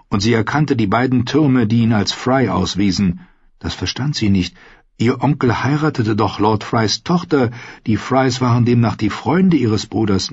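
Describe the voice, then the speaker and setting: Husky low-voiced male audiobook narrator. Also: no room sound. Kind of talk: scripted fantasy narration. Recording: dry, slightly muffled studio sound.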